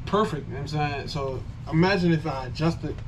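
A man speaking muffled through a gas mask, his voice picked up from a distance. He talks in a relaxed, rambling way and repeats himself often. Steady noise runs behind him. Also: fairly high pitch, fast talker. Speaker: vlogger reviewing gear. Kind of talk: casual product demo. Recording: distant mic with clear background noise.

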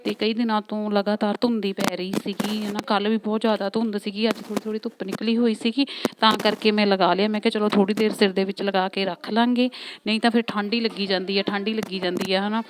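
A young Punjabi-accented woman talks in a casual, chatty home vlog style at a medium pitch. She repeats herself and checks in with little tag questions, as a mother at home would. The recording has clear background noise and clicks. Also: level tone, fast talker. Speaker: homemaker vlogger and mother.

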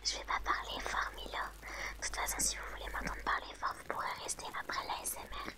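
A woman whispering softly to her audience in ASMR style, reading out chat names and answering them gently. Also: fairly quick. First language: French.

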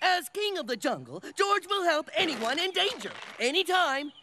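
A man's voice: extremely high pitch, big pitch swings, moderate pace, noisy background. A man voicing a dim-witted, eager and friendly jungle king in a cartoon, goofy and earnest. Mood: cheerful, heroic. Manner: goofy, earnest, speaks in third person. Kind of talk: animated cartoon acting. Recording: very loud cartoon music behind.

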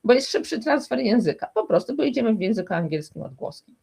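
A woman's voice: on the high side, very animated, fast, creaky, warm tone, breathy edge. A woman speaking as a guest expert in a conversational interview, explaining emphatically and restarting often.

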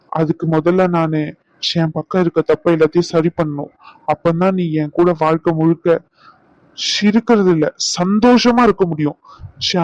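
A man voicing a young husband in a cartoon, speaking softly and reassuringly. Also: high-pitched, no echo, lo-fi sound, natural voice. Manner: soft, reassuring. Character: young husband, gentle and remorseful.

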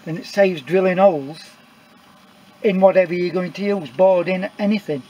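A man's voice: sits high, fairly even intonation, moderate pace, darkish tone, highs cut off. A middle-aged man casually walks through his homemade build in a workshop, rambling and plain-spoken with many uhs and restarts. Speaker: DIY maker showing a build. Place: workshop indoors. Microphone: camera mic, filming own hands off-camera.

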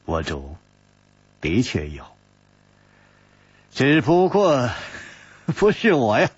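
A male storyteller voicing a calm, smiling gallant hero who speaks unhurriedly and courteously. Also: mid-range voice, slow pace, husky, dry recording, full character voice. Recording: dull lo-fi audiobook recording.

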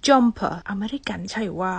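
A woman's voice: mid-range voice, unhurried, breathy edge, no echo. A Thai woman with a Northeastern Isan accent teaching English vocabulary in a casual, chatty way, saying each English word twice.

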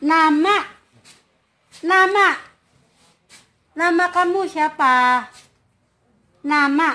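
High-voiced young caregiver. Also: female voice, extremely slow, sharp tone. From Brebes, Central Java, Indonesia. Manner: patient, repeats questions over and over. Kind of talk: casual chat.

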